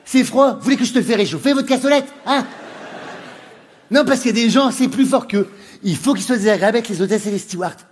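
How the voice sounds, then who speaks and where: A man's voice: very high voice, fast, slight background noise. A comedian playing a camp, sarcastic male flight attendant with a northern French accent, in a laughing comic monologue. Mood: mocking. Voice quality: flamboyant, mocking, laughing. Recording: roomy reverb with faint ambience.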